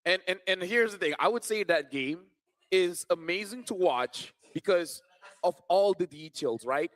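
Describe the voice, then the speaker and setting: A man's voice: high voice, lively intonation, a little slow, a bit bright, no room sound. A young man from Malaysia, an esports caster giving analysis on a live desk and restarting phrases as he thinks.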